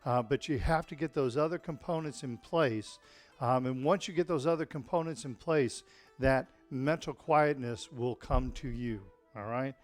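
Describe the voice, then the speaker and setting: A man's voice: medium pitch, normal speed, faint music behind. A man teaching tai chi in an informal, explanatory and encouraging way, often checking in with his listeners. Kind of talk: informal spoken class instruction.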